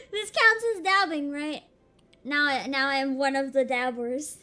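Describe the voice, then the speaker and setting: A woman livestreamer chats and reacts excitedly in a cute, bubbly, giggly anime-streamer style, often repeating her phrases. Her voice is high and unhurried.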